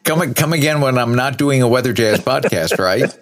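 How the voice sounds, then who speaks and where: A man's voice: medium pitch, lively intonation, moderate pace. A man hosting a podcast, chatting in a light-hearted way and laughing easily. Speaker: podcast host. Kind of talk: casual chat.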